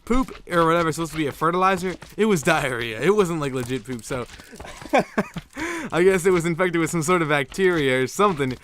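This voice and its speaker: A man with a fairly high voice tells a crude childhood story straight into his home computer mic. He rambles loosely, fills gaps with "like" and profanity, and laughs through his own punchlines. A faint hiss sits under the recording. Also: animated, fairly quick, a bit bright. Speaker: gaming YouTuber. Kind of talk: casual storytelling vlog.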